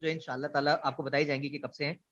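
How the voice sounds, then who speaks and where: A man's voice: on the high side, level tone, fast, fairly bright tone. A man giving an online orientation lecture, explaining ideas through examples and asking students questions. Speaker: instructor. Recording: dull lo-fi online class audio.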